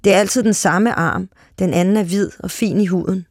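A reader narrating a literary short story aloud in a calm, steady way. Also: medium pitch, no echo, clean studio sound.

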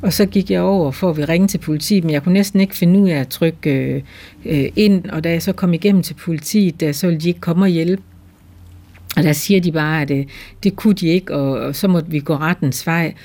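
A Danish woman giving documentary testimony, retelling events hesitantly with pauses. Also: lowish voice, mellow. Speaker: interviewee recounting family events.

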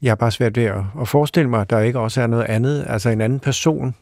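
An older man hosting a casual studio conversation, halting and repeating words as he searches for them. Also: medium pitch, a little mellow, no echo. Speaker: host.

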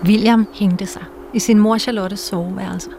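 A woman narrating a documentary in a calm, measured, soft-spoken way. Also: mid-range voice, gravelly, background noise. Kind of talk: scripted narration.

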